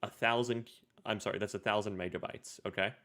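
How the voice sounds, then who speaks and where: A man's voice: on the low side, fairly even intonation, fast talker, fairly bright tone. A young man co-hosting a casual tech podcast, explaining things step by step and checking in with his co-host.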